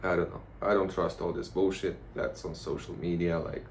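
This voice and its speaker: A man giving a casual, rambling vlog monologue in a blunt, profane, halting way. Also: deep voice, flat delivery, creaky. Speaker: vlogger. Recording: noticeable background noise.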